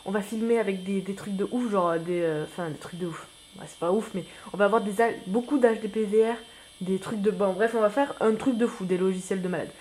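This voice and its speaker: A man giving casual gameplay commentary as a new YouTuber, rambling and self-mocking, full of slang and excitable outbursts at the game. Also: high-pitched, fairly quick, slight background noise.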